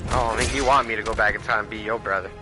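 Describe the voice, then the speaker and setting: A man's voice: fairly low pitch, fairly even intonation, rapid-fire. A man ranting casually and profanely while streaming a video game. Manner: profane, rambling, heated. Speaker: gaming streamer. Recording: music playing clearly behind the voice.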